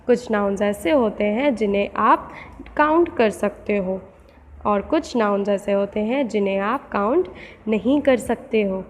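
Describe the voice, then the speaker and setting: A woman teacher with an Indian English accent, reading English words slowly and deliberately and explaining quickly in Hindi. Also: mid-range voice. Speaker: school teacher. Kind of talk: classroom grammar lesson. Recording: echoey room with long reverb.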